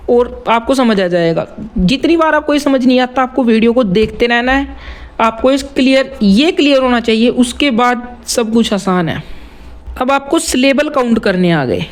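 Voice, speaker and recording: High-voiced man teaching rap rhymes. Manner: repeats words slowly, splitting them into syllables; mixes English terms into Hindi speech. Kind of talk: casual tutorial explanation.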